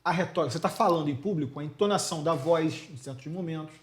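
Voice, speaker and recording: A man's voice: fairly high pitch, fast. Emphatic Brazilian man teaching. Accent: Brazilian Portuguese. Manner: slangy, emphatic, asks rhetorical questions; gestures constantly while talking. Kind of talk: casual video lecture.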